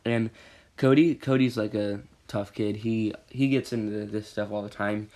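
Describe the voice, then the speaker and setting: A man's voice: lowish voice, steady tone, a little slow, mellow. Teen guy storyteller, casual vlog, rambling delivery, gets worked up. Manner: rambling, self-correcting, rising to agitated emphasis.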